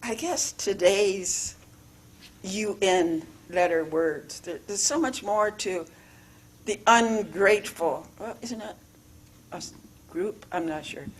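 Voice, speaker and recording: A woman delivers a relaxed sermon at an unhurried pace, with a voice of middling pitch. She wanders from thought to thought, leaning hard on single words and repeating phrases for emphasis. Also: husky. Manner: rambling, repetitive, emphatic. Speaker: spiritual living speaker. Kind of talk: informal sermon. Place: church sanctuary.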